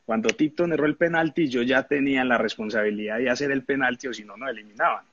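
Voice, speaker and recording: A man, a former footballer telling animated anecdotes in a casual interview, often laughing and acting out the people he quotes. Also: mid-range voice, quick pace, highs cut off, a little hiss or hum.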